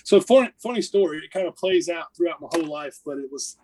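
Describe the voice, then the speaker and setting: A man's voice: fairly high pitch, lively intonation, fast talker, mellow, poor audio. A man with an Appalachian accent, a podcast guest telling casual stories about a mission trip in a rambling, self-correcting way. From United States. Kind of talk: casual storytelling.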